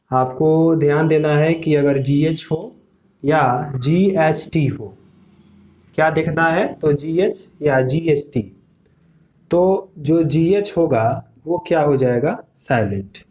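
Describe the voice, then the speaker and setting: A man's voice: fairly high pitch, darkish tone. A man teaching a lesson, explaining step by step and asking the class quiz questions. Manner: slow, repetitive explaining with quiz questions to students.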